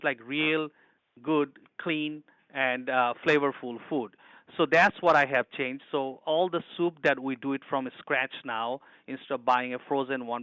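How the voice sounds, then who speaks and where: A man's voice: on the high side, sharp tone, no echo, lo-fi sound. A middle-aged man from Bangladesh, an executive chef answering interview questions earnestly, with frequent restarts and broken grammar.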